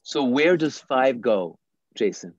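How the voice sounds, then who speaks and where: A math teacher takes young children through a puzzle in an online lesson, speaking patiently and deliberately. The mid-range voice has lively intonation, captured with lo-fi sound.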